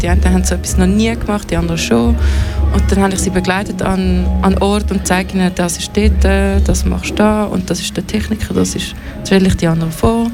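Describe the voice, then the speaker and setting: Young swiss woman rambling about her internship job, swiss german accent, loud music behind. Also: medium pitch. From Switzerland. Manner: rambling, chatty, lots of fillers. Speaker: interview guest. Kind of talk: casual radio interview. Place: festival radio container studio. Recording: music playing loudly behind.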